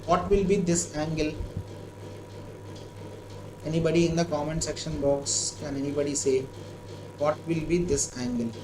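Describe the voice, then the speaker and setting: A high-voiced man with an Indian accent teaches maths live online, talking through each step of a problem. He often repeats himself and checks that learners follow. The sound is echoey, with clear noise behind him. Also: fairly even intonation, moderate pace, long pauses. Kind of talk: live online lesson, working a problem aloud.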